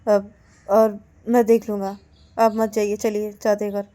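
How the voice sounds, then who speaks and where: A woman's voice: medium pitch, little pitch movement, measured pace, dark tone, close to an everyday voice. A woman voicing Ananya, a protective young woman who coaxes and scolds insistently in a storybook tale.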